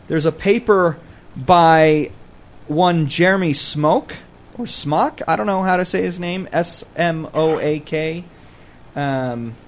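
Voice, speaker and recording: A man co-hosting a podcast, explaining scripture in a casual, scholarly way and thinking aloud as he goes. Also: fairly high pitch. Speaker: podcast co-host discussing scripture.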